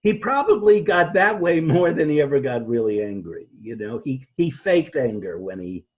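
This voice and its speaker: Husky-voiced man, halting guest. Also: mid-range voice, big pitch swings. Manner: halting, many restarts and repeated words. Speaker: interview guest, author. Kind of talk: conversational interview.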